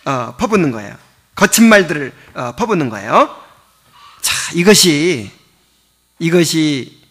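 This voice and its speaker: A man's voice: fairly high pitch, a bit bright. A male pastor giving a sermon in a conversational, explaining way, asking his listeners rhetorical questions and chuckling often. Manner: chuckles often while teaching.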